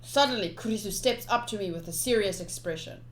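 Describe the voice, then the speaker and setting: A female streamer delivers a playful, theatrical read-aloud of a visual novel with casual commentary and lots of expression. She talks fairly quickly in a medium pitch, with game music and slight background noise in the recording.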